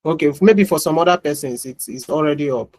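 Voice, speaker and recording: A man's voice: a little high, fast, no echo, studio quality. A man teaching a class over a video call, chatting casually and often restarting or repeating his words. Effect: heard over a video call. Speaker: tutor. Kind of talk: online class, casual chat before teaching.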